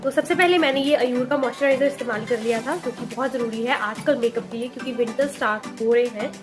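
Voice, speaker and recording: A woman's voice: fairly high pitch, quick pace, music in the background. A young woman explaining her makeup routine step by step in a casual vlog voice. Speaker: beauty vlogger. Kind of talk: makeup tutorial talk.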